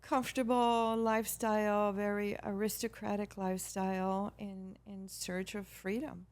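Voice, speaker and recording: Middle-aged woman from Peru, measured and hesitant, guest in casual interview talk. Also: mid-range voice, level tone, darkish tone. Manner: measured, hesitant with many ums and restarts. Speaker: guest, brand founder.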